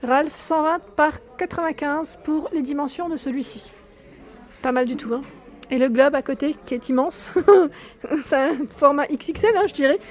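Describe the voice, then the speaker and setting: Chatty high-voiced woman touring a store. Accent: southern French. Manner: chatty, enthusiastic, many fillers and "hein". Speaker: home decor vlogger. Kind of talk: casual store walkthrough vlog. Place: furniture store showroom, indoors.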